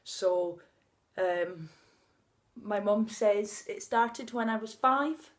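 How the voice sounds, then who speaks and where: Her voice is mid-range and extremely slow: a woman in her thirties with a stutter that blocks on first sounds, vlogging openly and emotionally. She speaks unscripted, laughs at times, and is outdoors on a sunny day.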